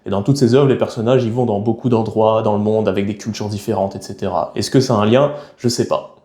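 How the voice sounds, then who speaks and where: Young man from France, vlog monologue, rapid chatty delivery, mellow tone, echoey room. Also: lowish voice, steady tone. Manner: frank, chatty, slangy. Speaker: YouTuber. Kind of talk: casual talking-head vlog.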